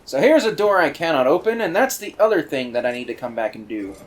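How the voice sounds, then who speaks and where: A man giving casual, rambling commentary on a video game he is playing, full of fillers and excited asides. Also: a little high, fast. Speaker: let's play commentator.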